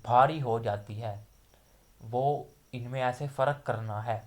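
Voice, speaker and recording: A man's voice: medium pitch, darkish tone. A man teaching a Quran recitation class with a Pakistani Urdu accent, patiently explaining each letter sound and drawing out the examples. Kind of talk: slow explanatory lesson.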